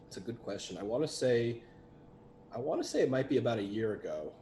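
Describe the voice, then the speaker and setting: A man's voice: mid-range voice, lively intonation, fast talker, warm tone, slight background noise. A young man, a guest on a livestream, talking casually about his voice work, with lots of fillers and restarts. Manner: chatty, rambling with many fillers. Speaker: guest, voice actor and animator.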